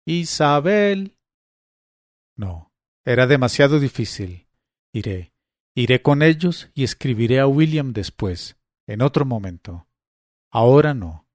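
A man reads a literary story aloud in a measured, quietly dramatic way, touching the characters' lines with light voicing. His pitch sits in a middling range. The sound is close and dry, with no room around it. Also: expressive, no room sound. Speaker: narrator. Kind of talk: audiobook reading of a literary story.

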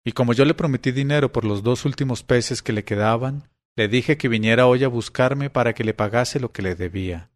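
A man reading as the anxious chief eunuch of a palace in an old tale, who explains himself to his superior. He speaks slowly and quietly, with humble deference, at a middle pitch. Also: close to an everyday voice. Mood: deferential. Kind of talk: audiobook character reading.

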